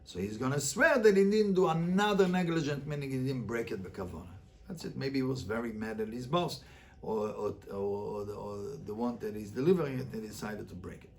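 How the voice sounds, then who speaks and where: In a mid-range, slightly mellow voice at a fairly quick pace, a rabbi teaches a Talmud class, reading and translating the text line by line. He fires emphatic questions and repeats phrases in this interactive lesson, with a faint hiss or hum in the background.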